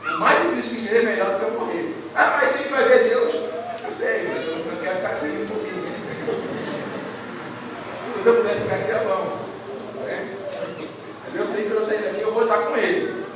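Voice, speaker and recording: Guy preaching a sermon, high voice, sounds far off in a big echoey church, noisy. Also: lively intonation, a little fast, pauses often. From Brazil. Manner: emphatic, asks the congregation questions and quotes scripture. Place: church hall.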